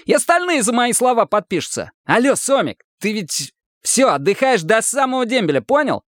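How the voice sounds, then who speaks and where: Male reader doing a sly cocky soldier, pitched high, animated. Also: normal speed, dry recording, studio quality, exaggerated voice. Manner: sly, cajoling.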